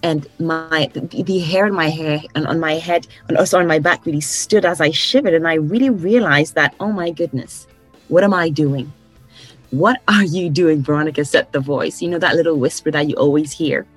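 A woman from Ghana, a guest coach on a podcast interview, telling stories in an animated way and laughing often. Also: low voice, moderate pace, soft background music, low-quality recording. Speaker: guest, course creation coach.

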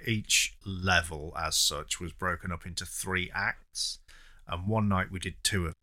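Deep-voiced, bright man. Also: fairly even intonation, measured pace. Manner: chatty, teasing, trails off with fillers. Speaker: podcast co-host. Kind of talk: casual chat.

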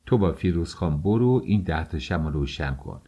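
A man reading an audiobook, voicing a calm, scheming young married woman who speaks firmly and coaxingly. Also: deep voice, breathy edge, dull audio, exaggerated voice. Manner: firm, coaxing.

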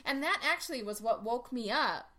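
A woman's voice: a little high, animated, moderate pace, pushed and bright. A woman co-hosting a podcast, telling a personal story candidly in casual chat, acting out quoted dialogue and swearing freely. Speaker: podcast co-host.

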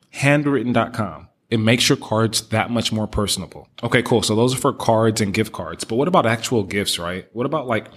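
A man's voice: fairly low pitch, a bit bright. A man hosting a business podcast, upbeat and motivational, talking straight to his listeners. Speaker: podcast host. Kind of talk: casual business podcast talk.

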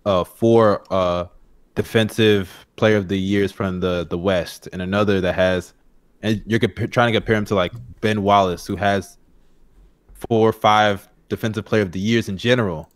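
A man's voice: lowish voice, fairly even intonation, moderate pace, no echo. A young man hosting a casual sports chat in a slangy, joking way. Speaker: podcast host.

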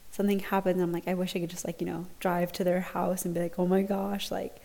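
A young adult woman hosts a casual solo podcast update, sounding awkward, hesitant and self-conscious. Her voice is fairly low and mellow with vocal fry, little pitch movement and a quick pace. She's recorded in a dorm lounge on a laptop through an earphone mic.

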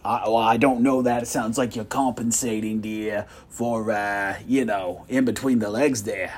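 A man's voice: fairly low pitch, steady tone, a little slow. A man playing a prim older woman who keeps calling the caller "dear". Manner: soft, prim, says "dear".

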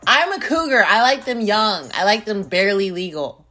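A woman in her twenties hosting her own podcast in casual, playful chat that swings between loud bursts and low mumbles. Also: big pitch swings, normal speed. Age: 20s. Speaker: podcast host. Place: home in Arizona. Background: music beat playing.

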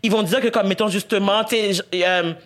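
A man talks fast in a high voice. He rambles with lots of fillers while hosting a casual panel chat. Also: steady tone, a bit bright.

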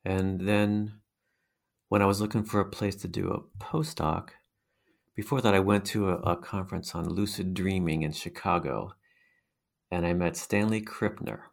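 A man's voice: low-pitched, steady tone, normal speed, vocal fry. A middle-aged man with a hypnotic, mesmerizing voice, answering interview questions conversationally as a guest researcher.

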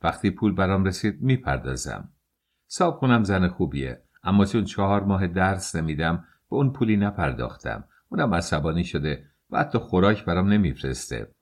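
Male reader as a humble sickly student, pleading, deep storybook voice. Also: expressive. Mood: apologetic. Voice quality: apologetic, pleading. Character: poor sick young male student, apologetic.

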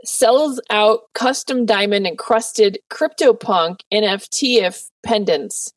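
A woman's voice: mid-range voice, slow, dry recording. A woman hosting a casual podcast, playful and self-mocking. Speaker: podcast host. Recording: dry, slightly distant mic.

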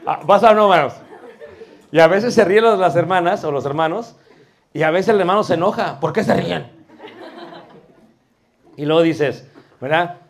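A man teaching a class on preaching, quizzing students and sometimes lowering his voice for emphasis. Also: normal speed, gravelly, pauses often. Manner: animated, asks the class questions, drops to a soft voice for effect. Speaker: homiletics teacher.

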